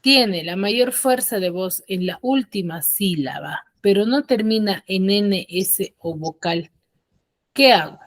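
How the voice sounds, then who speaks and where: A woman's voice: mid-range voice, animated, slow, no room sound. Patient woman teacher, dry close sound. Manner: patient, asks frequent check questions. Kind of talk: online class explanation. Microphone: computer mic on a video call.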